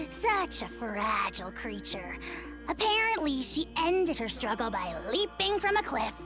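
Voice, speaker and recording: A bossy little dragon lord talks down to everyone in grand, imperious game dialogue. The voice sits high and leaps all over, cackling between decrees. Loud game music plays behind. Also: female voice, big pitch swings, takes it slowly, heavily acted. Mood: lordly. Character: pompous tiny male dragon lord, haughty and bossy.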